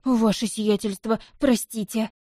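A woman's voice: fairly high pitch, fairly even intonation, measured pace, dark tone, dry recording, studio quality. A woman reading an audiobook voices a thin, frightened male footman who stammers and begs his master for mercy. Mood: fearful pleading. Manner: pleading, stammering, fearful.

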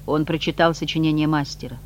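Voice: medium pitch, fairly even intonation, quick pace, muffled recording, slight background noise, natural voice. A reader voicing a stern, bitter male disciple in a plain, earnest voice. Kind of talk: audiobook reading.

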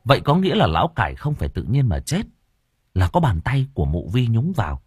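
A man reads a first-person audiobook story with dramatic expression. His voice is husky and moves lively up and down. The recording is dry and close, with faint music under it. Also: mid-range voice, fairly quick, no echo. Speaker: audiobook narrator.

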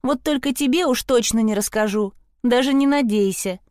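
A woman's voice: on the high side, normal speed, darkish tone, no room sound, clean studio sound, pitched above the performer's own voice, natural voice. A woman narrator voicing a vain, defiant teenage girl who talks down to others. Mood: haughty. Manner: haughty, provocative.

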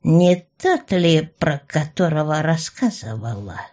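A woman voicing a blunt, domineering old female goblin matriarch who talks slowly and curtly, with a grumbling edge. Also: low voice, big pitch swings, mellow, heavily acted. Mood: gruff. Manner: slow, curt, grumbling.

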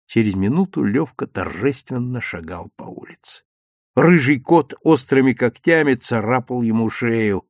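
A man narrating a children's story with lively, expressive delivery. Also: mid-range voice, normal speed, no room sound, studio quality.

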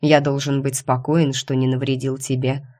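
A woman's voice: very deep voice, level tone, normal speed, darkish tone. A woman reading the part of a caring, insistent male doctor who worries over his sick wife, in an audiobook. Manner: fussy and insistent about her health.

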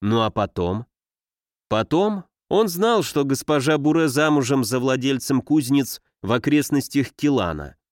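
A man reading a novel aloud in a measured literary manner. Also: mid-range voice, expressive, no echo, studio quality. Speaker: audiobook reader. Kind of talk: scripted narration.

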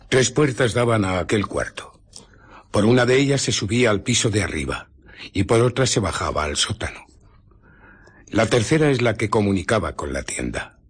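On the low side, a man's husky, breathy voice drifts into whispers as he performs an embittered invisible scientist in radio drama narration and dialogue. He recounts furtive exploits with deliberate, dramatic pauses.

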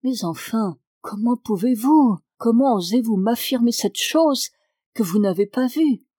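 A woman's voice: medium pitch, a little slow, a little mellow, no echo, clean studio sound, lightly acted. A woman reading the part of an anguished, agitated father who pleads urgently in a raised voice, in an audiobook. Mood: pleading.

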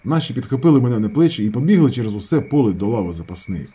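A man reading a novel aloud as an audiobook narrator, with expressive, dramatic storytelling. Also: medium pitch, rapid-fire, slightly rough.

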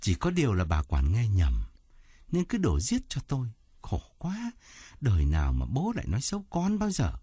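A man plays a flustered, evasive father in an audiobook story, stammering through his excuses. His voice is low and husky, with wide swings in pitch. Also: huge pitch swings, moderate pace, warm tone, dry recording, studio quality. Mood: defensive, flustered. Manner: stammering, defensive.

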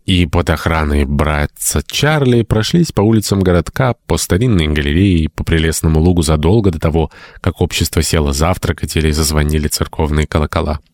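A man reading a classic novel aloud as an audiobook narrator, in a measured storytelling manner. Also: rumbling low, dry recording, studio quality. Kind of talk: scripted narration.

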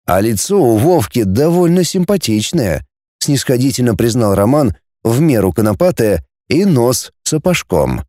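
A man reading an audiobook in a measured, expressive way. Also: mid-range voice, no echo, clean studio sound. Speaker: audiobook narrator.

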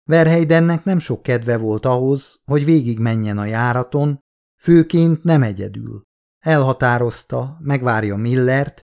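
A man giving scripted audiobook narration in a steady, measured storytelling manner. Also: mid-range voice. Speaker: audiobook reader.

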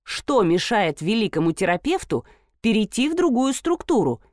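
A woman voicing a sharp-tongued wealthy mother who speaks in a caustic, dismissive way. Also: mid-range voice, animated, moderate pace, no room sound, studio quality, close to an everyday voice. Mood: scornful.

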